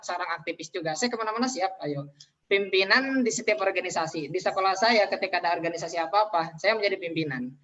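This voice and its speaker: This Indonesian man in his twenties talks from home as a guest speaker in an online business seminar, joking lightly at his own expense and using lots of fillers. His high-pitched, fairly bright voice comes through a video call with lo-fi sound.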